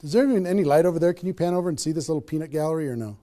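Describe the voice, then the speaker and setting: A man giving an energetic motivational seminar talk on network marketing, firing rhetorical questions at a live audience. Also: fairly high pitch, racing.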